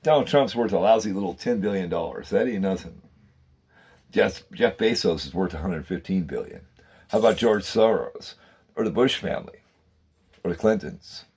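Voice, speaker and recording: A man with a low, husky voice rants at length to his viewers in a fervent, repetitive monologue. He keeps circling back, calling out "man" and "guys" as he talks. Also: normal speed, darkish tone. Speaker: channel host. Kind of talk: rambling conspiracy monologue.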